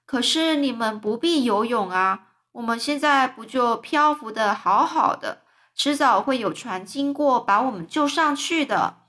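A woman voicing a clever, patient young boy in a storybook reading, reassuring and calm. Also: fairly high pitch, a little slow.

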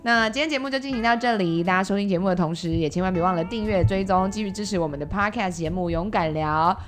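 A woman with a Taiwanese Mandarin accent hosting a podcast, chatting casually in an expressive, exclaiming way. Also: mid-range voice, fast talker. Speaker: podcast host. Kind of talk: casual chat. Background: music.

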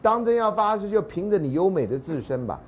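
A male university lecturer with a Taiwanese Mandarin accent, giving a joking, animated classroom lecture. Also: high-pitched, fairly quick, slightly rough, dull audio. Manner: animated and joking, drops into dramatic readings and half-sung lines.

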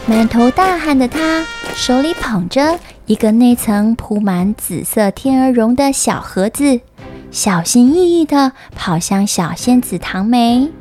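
A woman narrating a scripted children's story in an expressive, careful storytelling manner. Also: on the high side, unhurried, faint music behind.

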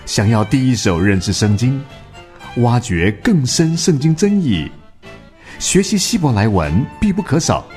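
A man reading a scripted program introduction in a lively announcer delivery. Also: medium pitch, unhurried. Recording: faint violin music behind.

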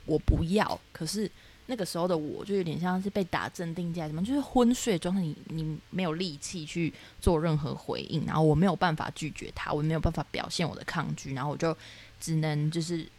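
A young woman from Taiwan, co-hosting a podcast, telling her dreams in animated casual chat full of fillers. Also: sits low, fast. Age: young adult. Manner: animated storytelling with many fillers. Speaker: podcast co-host.

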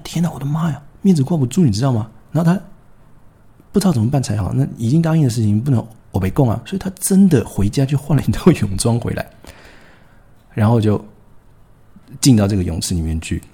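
Lively, husky-voiced Taiwanese storyteller man. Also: mid-range voice, quick pace, pauses often. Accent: Taiwanese Mandarin. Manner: animated, wry, frequent fillers and asides. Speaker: podcast host. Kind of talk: casual storytelling.

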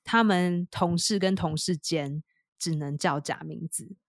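A woman telling a funny story in a casual chat, laughing often and acting out quotes in higher voices. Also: unhurried, dry recording, studio quality. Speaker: podcast co-host.

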